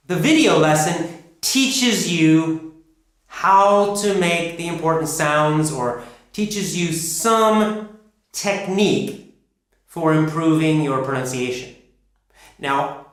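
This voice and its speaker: A middle-aged American man with a General American accent, teaching an English pronunciation course in a slow, clear, emphatic way that repeats key points. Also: fairly high pitch, fairly bright tone. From United States. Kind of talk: recorded course lesson. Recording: very echoey room.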